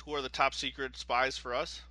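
Very bright-toned man chatting loosely. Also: mid-range voice, level tone, fairly quick, no room sound. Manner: loose, chatty, sprinkled with likes and swearing. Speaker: podcast co-host. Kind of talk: casual chat.

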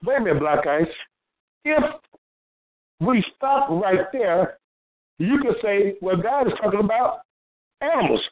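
A man's voice: sits high, expressive, a little slow, pauses often, narrow, tinny audio. A man co-hosting a Bible study who keeps jumping in with affirmations and questions. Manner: interjects often with affirmations and questions. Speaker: co-host of a Bible show. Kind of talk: call-and-response Bible study.

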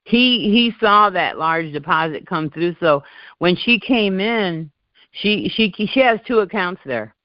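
A woman's voice: on the low side, lively intonation, unhurried, no room sound. Chatty older woman on a muffled call. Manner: chatty storyteller, repeats words. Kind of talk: casual call-in chat. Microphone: call audio. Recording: muffled dry call audio.

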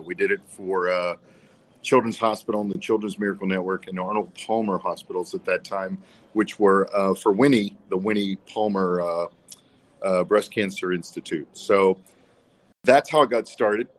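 A man with a fairly low voice, guesting on a talk show as a singer. He tells long stories in an easy, chatty way, dropping in light jokes. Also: steady tone, moderate pace, slight background noise, rough recording. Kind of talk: casual interview.

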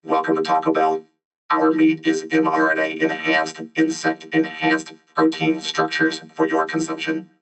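Deep monotone robot-filter drive-through bot; deadpan, no pitch movement. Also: male voice, normal speed, over loud music, rough recording. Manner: flat, monotone robotic delivery. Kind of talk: comic bit in commentary talk show.

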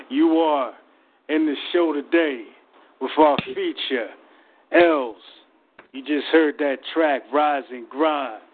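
A man's voice: a little high, fairly even intonation, very slow, pauses often, slight background noise. A man hosting a casual call-in radio show in a slangy, encouraging way. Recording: narrow phone-like radio stream.

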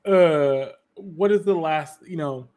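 A man's voice: fairly high pitch, slow pace, a little mellow. A man hosting a casual podcast, eagerly retelling anime scenes and quoting characters as he goes. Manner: retells scenes with quoted lines, many restarts. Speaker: podcast host. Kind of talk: casual anime review chat.

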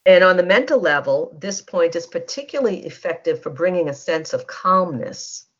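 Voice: medium pitch, lively intonation, moderate pace, fairly bright tone. A facilitator leading a guided energy-healing session, speaking in a soothing way and prompting listeners to repeat statements. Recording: dull lo-fi teleconference line.

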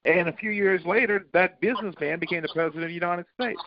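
A man's voice: sits high, fast, slight background noise. A man on a political talk panel who argues emphatically and often restarts his sentences. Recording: dull lo-fi dry recording.

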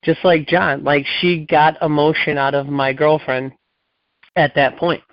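A man's voice: fairly high pitch, little pitch movement, a little slow, dry recording. Man, podcast guest telling a story, rambling with lots of fillers; dull, dry lo-fi recording. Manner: rambling, acts out quoted dialogue, many "um"s and "like"s. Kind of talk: casual storytelling.

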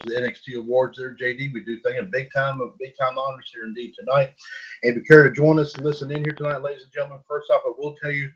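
Folksy male radio host, lo-fi sound. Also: mid-range voice. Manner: folksy, repeats himself, lots of fillers. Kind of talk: casual internet radio hosting. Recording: dull lo-fi internet radio audio.

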